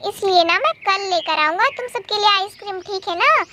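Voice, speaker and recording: A woman's voice: extremely high pitch, lively intonation, brisk. A woman voicing an easygoing father doll who explains things patiently. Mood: calm. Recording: loud background noise.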